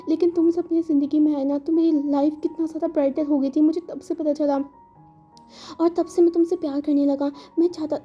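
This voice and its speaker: A woman's voice: high-pitched, highs cut off, close to an everyday voice. A woman voicing a shy, tearful young man who stammers and repeats his words as he confesses his love.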